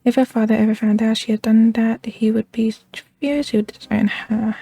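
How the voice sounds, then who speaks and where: A woman's voice: a little high, little pitch movement, a little fast, creaky, dark tone, slightly rough, no echo. A woman voicing a gossipy game villager who confides other people's secrets while claiming not to gossip. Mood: confiding, gossipy. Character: gossipy villager, eagerly spilling a noble family's secrets. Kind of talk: read-aloud game character dialogue.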